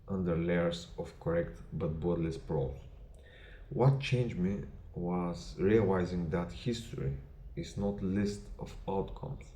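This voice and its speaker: A low-voiced man with a Bulgarian accent, a non-native English speaker, addresses the camera about his history channel. He talks in measured, deliberate short phrases with small grammar slips, his mellow voice carrying a roomy echo. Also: a little hiss or hum.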